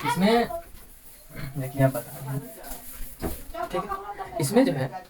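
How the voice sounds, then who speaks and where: Low-pitched lady teacher going over math step by step, repeats everything, chatter in the background. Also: huge pitch swings, gravelly, rough recording. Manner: repeats words and says "ठीक है" often, slow deliberate explaining. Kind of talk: classroom-style math lesson.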